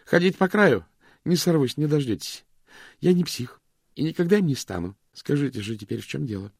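A man voicing a highly strung woman who speaks in a shrill, bitter, sarcastic way. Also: lively intonation, a little fast, vocal fry, darkish tone, slightly rough, no room sound, clean studio sound, full character voice.

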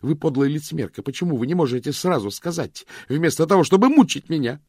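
Male reader puts on a high, loud, frayed female voice, shrill and biting; dry sound. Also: big pitch swings, a little fast, vocal fry, husky, no echo, full character voice. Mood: shrill, bitter. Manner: shrill, agitated, sarcastic. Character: highly strung woman, shrill and bitter.

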